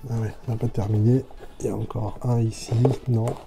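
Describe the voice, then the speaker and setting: A man's voice: on the low side, flat delivery, fairly quick, creaky, very noisy. A man chatting casually as he unboxes toys, thinking aloud and describing each figure in detail. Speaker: toy reviewer.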